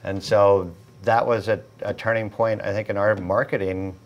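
A man in his forties speaking in a measured way as an interview guest in a studio. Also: fairly low pitch, fairly even intonation, highs cut off. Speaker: business partner, interview guest. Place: small indoor video studio.

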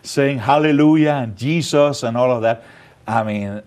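A Danish man with a Danish accent, a medium-pitched voice and a darkish tone, appears as an evangelist guest on an indoor studio set and gives interview testimony by telling stories. He speaks haltingly, with many fillers and non-native grammar. His voice is picked up by a lapel mic.

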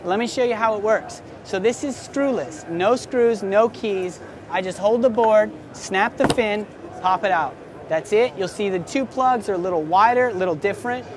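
At a busy indoor expo booth, a surf shop host in his twenties gives an enthusiastic, salesy product demo, talking close to the camera. His voice is high-pitched and his pace moderate, with a noisy background.

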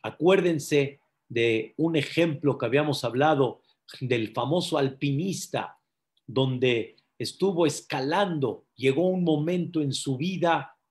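A man, a rabbi, giving a sermon-style Torah class, telling a story and addressing his listeners directly. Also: fairly high pitch. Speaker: rabbi teaching Psalms.

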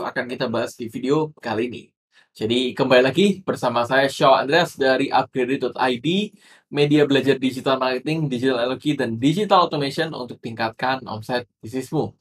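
A chatty Indonesian man gives a relaxed tutorial straight to camera, filling pauses with little tags and fillers. He lifts his voice to stress key points. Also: mid-range voice. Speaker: digital marketing instructor. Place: indoor room lit by ring light.

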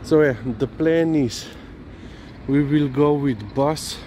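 A man casually narrating a walk with his dog outdoors on city streets, rambling and unhurried, with many fillers and restarts. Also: on the high side, mellow. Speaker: dog owner vlogging a walk. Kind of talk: casual narration while walking. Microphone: handheld or body camera. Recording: noisy outdoor street recording. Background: traffic and street noise.

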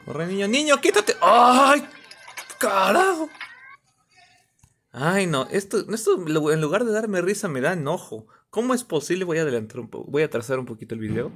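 Lively man mocking video clips. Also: a little high, quick pace, hardly any pauses, slight background noise. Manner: animated, mocking, bursts into shouts and laughter. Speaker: reaction video host. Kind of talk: comedic reaction commentary.

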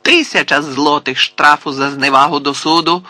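A man's voice: very animated, normal speed, sharp tone, no echo, heavily acted. A man reading the part of a stern, short-tempered judge who hands down severe rulings. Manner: severe, booming pronouncements.

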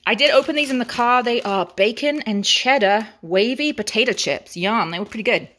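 A woman's voice: on the high side, moderate pace, a bit bright. English-accented woman, grocery haul vlogger, chatty and playful, savors every item. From England. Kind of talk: grocery haul show-and-tell.

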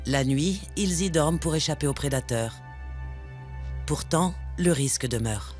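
Guy doing nature documentary voiceover, kinda high voice, measured n dramatic, music behind. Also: expressive, a little mellow. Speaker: documentary narrator. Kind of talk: nature documentary narration, scripted. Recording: music bed under the narration. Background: background music, animal sounds.

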